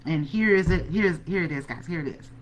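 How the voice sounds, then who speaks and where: A woman telling a personal story as a motivational speaker, animated and laughing often, talking straight to her audience. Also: low-pitched, fairly quick, slight background noise, rough recording. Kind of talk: storytelling talk.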